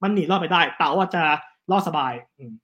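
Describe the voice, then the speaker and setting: A man, telling history stories in a casual, animated chat. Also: high-pitched, muffled recording. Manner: animated, fast storytelling with quick asides. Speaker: guest storyteller on history.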